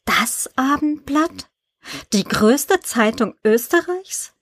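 A woman's voice: on the high side, animated, normal speed, no echo, clean studio sound, pitched above the performer's own voice. A woman doing an eager, curious young coworker.

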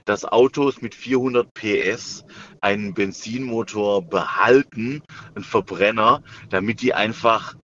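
A man's voice: on the low side, a little slow, fairly bright tone. A man chatting as a podcast co-host through a car's hands-free speakerphone, joking and often stumbling over repeated words. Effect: car hands-free speakerphone call. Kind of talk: casual joking chat. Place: car on the road. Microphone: car hands-free system. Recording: lo-fi hands-free call with faint noise.

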